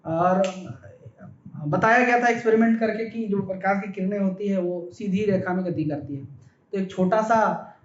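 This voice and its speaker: A man's voice: high-pitched, normal speed. A man teaching a physics lesson in speech, explaining step by step and often checking in with the class. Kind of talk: classroom lecture. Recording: echoey, dull, faint background noise.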